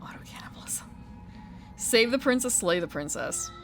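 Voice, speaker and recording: A woman's voice: fairly high pitch, animated, normal speed, fairly bright tone, whispered, faint music behind. A woman giving chatty, playful live commentary as she plays a video game. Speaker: game streamer. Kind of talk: casual live playthrough commentary.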